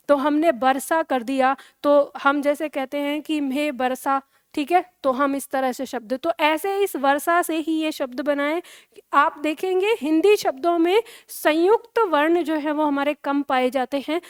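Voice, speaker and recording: High-voiced woman teaching grammar. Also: no room sound, clean studio sound. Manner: patient, slow and deliberate, often checking in with "ठीक है". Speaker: Hindi teacher. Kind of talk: classroom grammar explanation.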